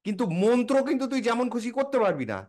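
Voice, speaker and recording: A man's voice: very high voice, sing-song, fast talker, a little mellow. A man explaining in a casual chat, lecturing informally and answering his own rhetorical questions. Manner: informal, addresses listener as a close friend.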